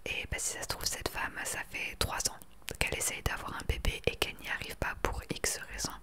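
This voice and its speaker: A woman in her late twenties talking earnestly and with conviction in a soft whispered ASMR chat into a desktop microphone. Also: brisk. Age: 20s. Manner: earnest, opinionated. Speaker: ASMR creator. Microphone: desktop USB microphone.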